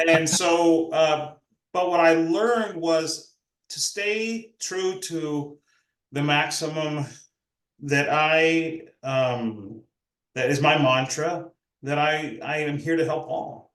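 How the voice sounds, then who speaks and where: An older man, a professor, speaking in a measured, reflective way in an academic discussion. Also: fairly high pitch, a bit bright. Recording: roomy echo.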